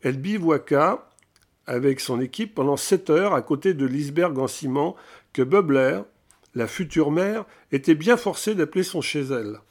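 Audiobook narrator: man, slightly higher voice, measured and steady. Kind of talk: scripted narration.

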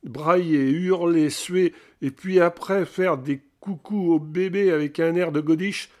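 A man's voice: on the high side, measured pace, darkish tone, natural voice. A man reading aloud, voicing a pushy, chatty pregnant woman who is the heroine's old college friend, talking eagerly and insistently.

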